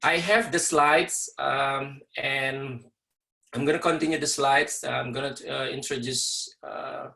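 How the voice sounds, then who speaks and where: Man, university professor, gravelly, halting, lots of fillers, video call. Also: mid-range voice, fairly even intonation, pushed and bright, rough recording. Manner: hesitant, many fillers, explaining step by step. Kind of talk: online lecture with class introductions.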